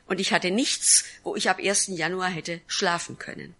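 Bright-voiced woman pastor telling a testimony. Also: lowish voice, steady tone, normal speed. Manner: earnest storytelling with acted-out quotes. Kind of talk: sermon testimony.

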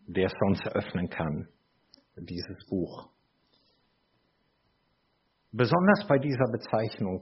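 A middle-aged man preaches a sermon at an unhurried pace, his voice somewhat husky and low. He turns aside to address his listeners in a reflective, conversational way. The recording sounds dull and lo-fi.

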